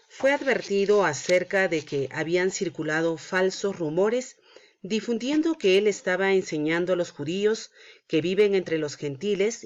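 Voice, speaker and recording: Woman Sunday school teacher, storytelling for kids, slightly muffled lo-fi sound. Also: lowish voice. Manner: prays then narrates a Bible story to children. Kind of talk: Bible story lesson for children.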